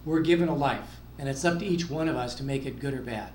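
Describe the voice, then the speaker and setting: A school district official gives an enthusiastic, proud introduction for a student's award at a school event. He talks fast in a medium-pitched, darkish voice. The room is echoey with faint ambience and slight background noise.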